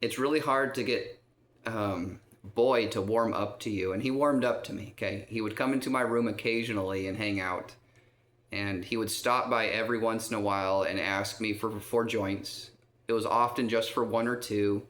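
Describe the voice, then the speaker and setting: With a fairly low, steady, slightly bright voice at normal speed, a man who vlogs tells a long, meandering personal story from a resident's room in a care home. He keeps checking in with "okay?" and uses many "um"s, and the recording has a roomy echo.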